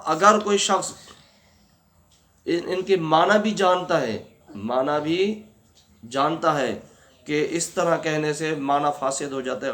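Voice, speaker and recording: A man teaching a religious lesson on prayer rules, often asking and answering his own questions and slowly drawing out words to show their pronunciation. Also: fairly high pitch, fairly bright tone.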